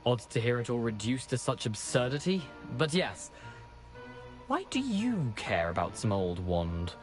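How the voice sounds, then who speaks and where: An actor voicing the ghost of a beheaded, mischievous gentleman in a video game, with a genteel, chatty and wry manner. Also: medium pitch, very animated, a little slow, soft background music.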